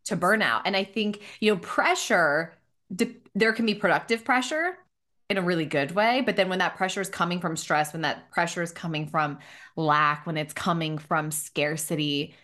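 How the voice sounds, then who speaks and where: A woman with a somewhat low voice hosts a podcast conversation. She talks emphatically and keeps affirming her guest. Her tone is casual and conversational. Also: normal speed, a bit bright. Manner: emphatic, affirming, repeats "so good". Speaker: podcast host.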